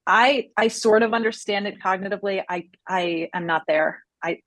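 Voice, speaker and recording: A woman co-hosting a podcast who asks questions thoughtfully and gently. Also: medium pitch, normal speed, dry recording. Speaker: podcast co-host. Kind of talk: conversational podcast interview.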